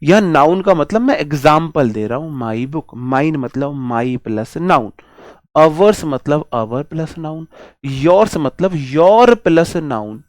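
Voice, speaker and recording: Slow, dry-voiced male grammar teacher. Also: on the high side, animated, dry recording. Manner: drawn-out slow examples, rhetorical questions to students. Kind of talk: classroom lecture in Hindi on exam English.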